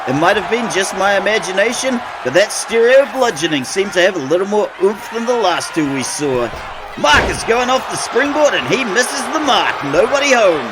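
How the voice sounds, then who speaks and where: A high-voiced man hosts a wrestling show and calls the play-by-play as commentator, sardonic and opinionated, tossing in mock-grumpy asides. Music and other noise sit in the background.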